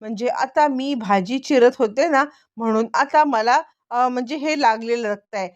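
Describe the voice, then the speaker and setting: A nervous young woman dodging questions in a high, flustered voice, as a woman storyteller puts her on. She sounds evasive and unsettled. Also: normal speed, lightly acted.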